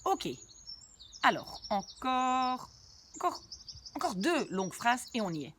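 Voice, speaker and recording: Slow, patient woman teaching Dutch. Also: a little high, sing-song, fairly bright tone, slight background noise. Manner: patient, repeats and translates word by word; chatty asides to viewers. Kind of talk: language lesson explaining a sentence.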